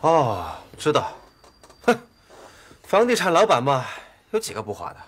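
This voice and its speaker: An actor playing a proud young husband out of work, indignant at times and earnest at others, in a TV drama. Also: male voice, a little high, wildly swooping pitch, measured pace, full character voice. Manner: indignant, then earnest and reassuring. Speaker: laid-off office worker, husband. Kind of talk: TV drama acting. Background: music score.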